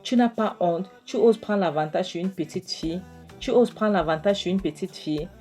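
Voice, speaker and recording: A woman's voice: on the low side, expressive, normal speed, darkish tone, faint music behind, voice pushed up, natural voice. A woman voicing an angry, threatening father who repeats his words, in a film recap.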